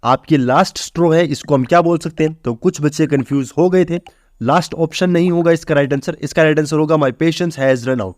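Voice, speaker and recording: A man's voice: on the high side, fairly even intonation, brisk, no room sound, clean studio sound. A man teaching English vocabulary for exams in a casual way, asking questions and answering them himself. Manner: explains step by step, asks and answers own questions; informal, addresses students as bhai. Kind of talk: exam-prep vocabulary lesson.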